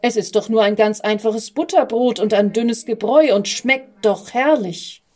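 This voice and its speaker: A woman's voice: on the high side, moderate pace, darkish tone, close to an everyday voice. A woman voicing a kindly, bewildered prince who grumbles orders at children in a storybook. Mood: musing.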